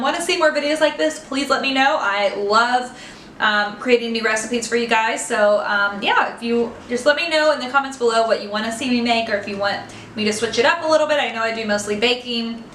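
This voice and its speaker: A woman hosts her own home cooking vlog, chatting upbeat to the camera. Her voice sits fairly high. She is heard in an echoey home kitchen with steady noise behind her. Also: fairly quick. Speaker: cooking show host. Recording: echoey kitchen, noisy background.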